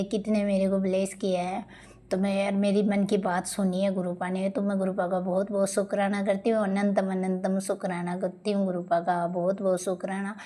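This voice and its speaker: Middle-aged woman, devotional testimony, earnest pleading prayer, even monotone delivery, soft mellow voice. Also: medium pitch. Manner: earnest, pleading, repeats her address to the guru.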